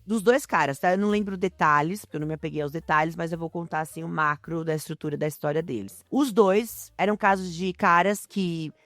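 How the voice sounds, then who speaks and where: A woman with a Brazilian accent hosting a podcast in casual, slangy, chatty talk, her voice hoarse and stuffed up with a cold. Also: lowish voice, fairly quick, few pauses, no room sound. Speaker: podcast host.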